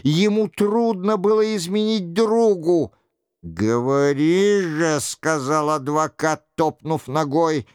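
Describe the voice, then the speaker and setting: A male audiobook narrator reads a classic novel in a measured, theatrical way. His voice is fairly high and smooth, paced very slowly. The close studio mic gives a dry sound. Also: steady tone, dry recording.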